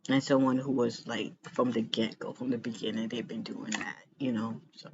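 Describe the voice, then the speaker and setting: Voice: medium pitch, steady tone, moderate pace. A vlogger chatting casually to the camera in a rambling way, repeating phrases for emphasis. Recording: muffled lo-fi sound with background noise.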